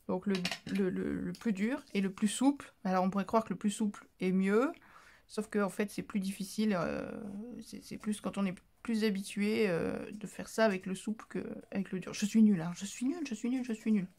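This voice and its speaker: A woman chatting casually in a craft haul vlog, rambling with fillers and making fun of herself. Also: mid-range voice. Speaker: craft vlogger.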